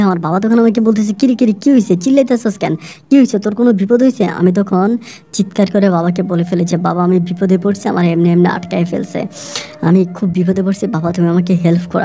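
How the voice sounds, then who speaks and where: A woman with a Bangladeshi Bengali accent retelling a true story in the first person, brisk and emotional, with dialogue quoted throughout. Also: lowish voice, mellow.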